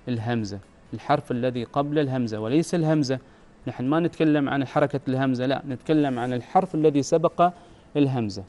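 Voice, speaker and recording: A man from Oman, speaking with an Omani Arabic accent, teaches a recorded grammar lesson and patiently repeats his questions to the student. His voice is medium-pitched and warm.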